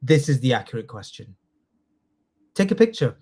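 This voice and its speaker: A man teaching a live online class, lively and coaxing, repeating key words slowly for his students. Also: medium pitch, breathy edge. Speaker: test training tutor.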